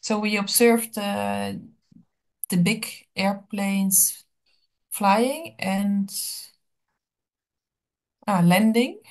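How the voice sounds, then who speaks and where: Female language student, hesitant and searching, slow delivery with frequent fillers. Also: medium pitch, gravelly, a little mellow. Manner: hesitant, thinking aloud with many uh fillers. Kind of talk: one-on-one language lesson.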